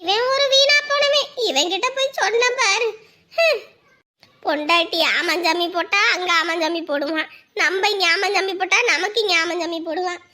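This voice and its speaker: A shrill, bright old grandmother, played by a woman in a family drama. She whines and schemes, nagging on behalf of her spoiled grandson. The voice sits very high and piercing. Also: normal speed. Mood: scornful. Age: older. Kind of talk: village family drama acting.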